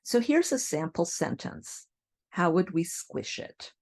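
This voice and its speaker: A woman with an American accent teaching English pronunciation, modeling example phrases clearly. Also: fairly low pitch, sing-song, slow pace, a little mellow. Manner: models example sentences, repeating drills. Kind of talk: slow, clear pronunciation lesson.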